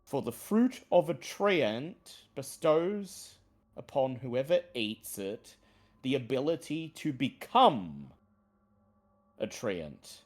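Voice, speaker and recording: A male game master narrates a fantasy tabletop game. He takes his time with the description, in a mid-pitched voice. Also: big pitch swings, takes it slowly.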